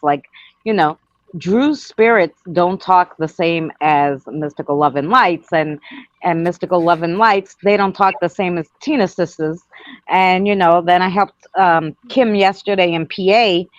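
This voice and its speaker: With a Queens accent and a voice on the low side, this woman, a paranormal spirit communicator appearing as a guest, wanders chattily through recounted tales and reported dialogue. The recording is close, dull lo-fi with no room sound.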